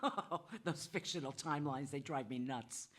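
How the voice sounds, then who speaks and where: In a rumbling low voice at a moderate pace, an actress in a live stage audio drama plays an exasperated, sarcastic New York woman who works in banking, delivering a lecture.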